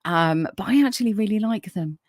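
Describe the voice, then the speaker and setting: Here the woman hosting the casual livestream podcast talks a little fast, her mid-range, soothing voice carrying lively intonation. She reads comments and chats warmly with viewers, with many fillers. The recording is studio quality, with no room sound.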